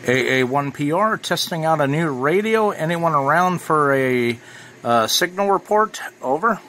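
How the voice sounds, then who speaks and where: This clip has a bright sound with clear background noise. In it, an American ham radio enthusiast with a fairly high, animated voice takes his time over a relaxed, matter-of-fact product review.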